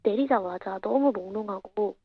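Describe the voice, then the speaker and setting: A young woman speaking as an interview guest over a remote line, her voice disguised by a pitch-changing filter, answering in a quiet, measured way. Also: dry recording. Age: young adult. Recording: dull, muffled remote line.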